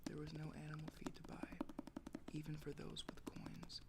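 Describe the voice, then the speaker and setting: A man's voice: on the high side, completely flat delivery, normal speed. A man reading a book aloud in an unvoiced ASMR whisper, carefully, with finger tapping and clicks. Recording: noisy, loud hiss and clicks.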